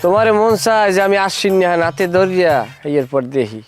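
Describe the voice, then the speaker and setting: An actor playing a comic village suitor who speaks in mock-formal, boastful phrases, with a rural Bangladeshi Bengali accent. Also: male voice, high voice, animated, brisk, soft background music.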